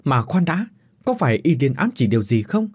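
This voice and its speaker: A man plays a brave young official, determined and calling out to his friend. The delivery is husky and dark, with a lively pitch. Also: brisk. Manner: determined, shouting.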